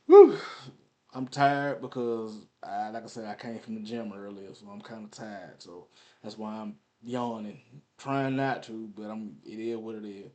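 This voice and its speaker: A man's voice: lowish voice, fairly even intonation, normal speed. Rambling slangy man in his forties. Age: 40s. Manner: rambling, slangy, repeats himself. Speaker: vlogger. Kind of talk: casual nostalgic storytelling.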